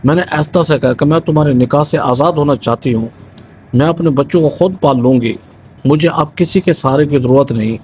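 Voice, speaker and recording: A man narrating a first-person story in a steady, dramatic, scripted reading voice into a close mic. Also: a little high, slight background noise, poor audio.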